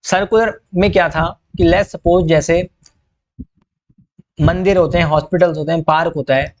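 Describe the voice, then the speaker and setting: A young male lecturer with a slightly high voice talks through a recorded exam-prep class, joking and checking in with his students as he goes. He slips English terms in with an Indian accent. The recording sounds dull and lo-fi. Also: steady tone, moderate pace. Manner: chatty, joking, asks students questions.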